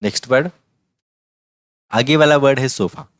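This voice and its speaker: A man teaching a vocabulary lesson, patiently repeating each word slowly. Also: mid-range voice, dry recording. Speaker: language teacher.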